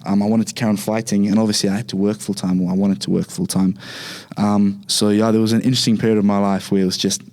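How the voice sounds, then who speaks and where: A young man from Zimbabwe with a Zimbabwean accent, chatting relaxed as a podcast guest, with many fillers and restarts. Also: fairly low pitch, quick pace. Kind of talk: casual interview talk.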